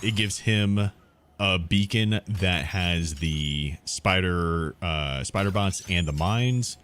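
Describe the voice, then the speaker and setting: A man's voice: sits low, slow. A man giving casual gameplay commentary as a streamer and host. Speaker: game streamer and video host. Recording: loud game noise and clicking.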